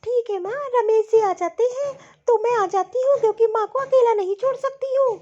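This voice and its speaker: A woman's voice: very high voice, normal speed, dark tone. A woman voicing an earnest, dutiful young daughter-in-law in a cartoon story. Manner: earnest, eager to please. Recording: dull lo-fi audio.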